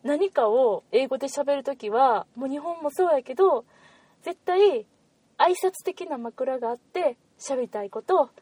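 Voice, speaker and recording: A woman with a Kansai accent, co-hosting a casual podcast chat and explaining things in a lively way. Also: high-pitched, a little slow, no room sound. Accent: Kansai Japanese. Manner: lively, animated explaining with laughs. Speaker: podcast co-host.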